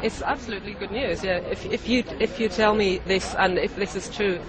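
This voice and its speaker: A man from Norway, answering in a hesitant, halting way during a street interview. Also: sits high, rough recording. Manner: hesitant, halting, searching for words. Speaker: campaigner being interviewed. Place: outdoors in a busy city street. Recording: street recording with crowd noise.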